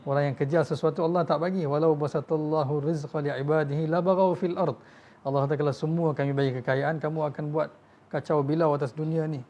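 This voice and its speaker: With a Malaysian Malay accent, a man gives a sermon of feeling-filled stories, taking on the voices of quoted figures and speaking to the audience as tuan-tuan. He is a fast talker whose voice is a little high and a little mellow, with fairly even intonation.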